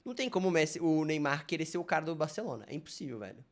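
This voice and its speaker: A man's voice: fairly high pitch, very animated, very fast. A Brazilian man reacting live to a video, talking casually in a rambling, slang-heavy way. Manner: slangy, rambling, loaded with fillers like "mano" and "velho".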